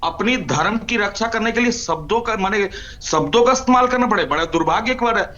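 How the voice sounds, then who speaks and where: Insistent high-voiced man debating. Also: expressive, fairly quick, pushed and bright. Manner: insistent, interrupts often. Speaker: debate panelist. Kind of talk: heated TV debate. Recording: dull lo-fi audio.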